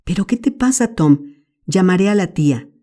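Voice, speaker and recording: A woman's voice: fairly low pitch, expressive, moderate pace, mellow, pitched above the performer's own voice, natural voice. A woman voicing an anxious young boy, urgent and pleading, in an audiobook.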